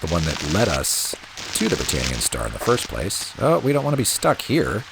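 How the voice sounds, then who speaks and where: With rain falling steadily and audibly behind him, a let's play host in a very low voice unhurriedly comments on his gameplay. He's wry and relaxed, thinking aloud, his pitch varying widely as he reacts.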